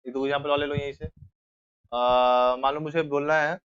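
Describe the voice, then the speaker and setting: A young man teaches a grammar class, walking his students through each step and stopping to check they follow. His voice sits a little high for a man. The recording is dull and lo-fi, as if picked up in a classroom. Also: little pitch movement, normal speed, fairly bright tone, clean tone. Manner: explains step by step, asks rhetorical checks.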